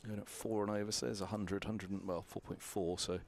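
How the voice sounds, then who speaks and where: A man with a lowish, gravelly voice commentating on cricket from a balcony box. He is chatty and analytical, working through scores aloud with plenty of fillers. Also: level tone, brisk, a little hiss or hum.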